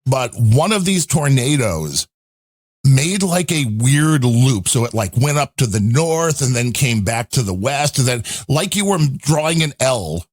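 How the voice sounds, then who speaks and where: A man's voice: mid-range voice, sing-song, a little slow. Give me a man with a middle-range voice, talking on a casual chat show, rambling through a story with lots of asides. The sound is dry and close, with no room echo. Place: home in a storm-hit area.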